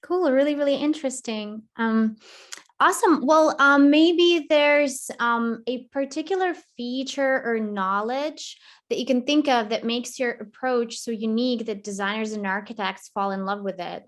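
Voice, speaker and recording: Casting: young woman host, slightly high voice, friendly interviewer, casual fillers. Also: moderate pace. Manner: upbeat, uses fillers like "um" and "like". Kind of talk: casual interview, video call.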